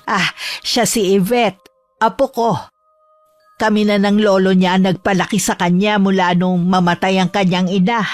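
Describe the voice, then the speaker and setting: Casting: woman playing a courteous old woman in a horror drama, mid-pitched, dry close sound. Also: fairly even intonation, moderate pace, no room sound, soft background music, lightly acted. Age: older. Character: old woman newcomer, polite, secretive grandmother. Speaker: customer.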